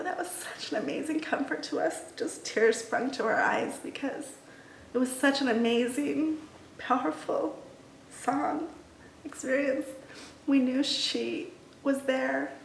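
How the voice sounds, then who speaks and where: A middle-aged woman recalls a family moment in an earnest, emotional testimony. Her voice sits a little high with a gravelly edge. She sounds set back from the mic in a roomy space. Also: slight background noise. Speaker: mother. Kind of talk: personal testimony interview. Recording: roomy, slightly distant mic.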